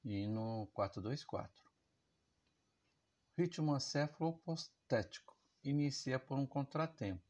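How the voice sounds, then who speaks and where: Male music teacher, mid-pitched, patient explainer who keeps checking in. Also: expressive, measured pace, darkish tone. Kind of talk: instructional music lesson.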